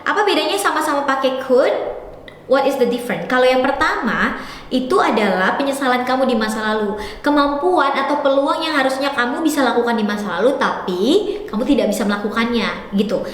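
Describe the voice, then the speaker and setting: A woman with a high voice gives a live-streamed grammar lesson. She talks quickly and slips between two languages. Her voice rings in a very echoey room with a long reverb tail. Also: animated. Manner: fast-talking, mixes Indonesian with English; calls viewers "sayang" affectionately. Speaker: English teacher.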